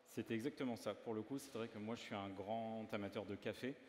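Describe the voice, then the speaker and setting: A male pastry chef from northern France describes his dessert in a halting way, often pausing on filler sounds. His voice sits a little low. It rings out with a long hall reverb over a faint murmur of ambience. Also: steady tone, a little mellow, a little hiss or hum. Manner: hesitant, many filler sounds. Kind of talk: live demo interview.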